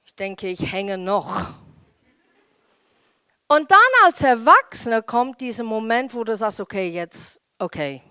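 Woman pastor, animated sermon delivery, slow and deliberate, dry close sound. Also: on the high side, clear, resonant tone, dry recording. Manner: animated, acts out quoted voices.

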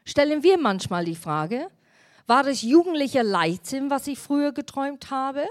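A woman pastor delivers a sermon in a fairly high voice. She talks straight to her listeners and keeps asking them questions. Her delivery is emphatic, and her loudness rises and falls. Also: animated, normal speed. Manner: addresses the congregation directly with questions.

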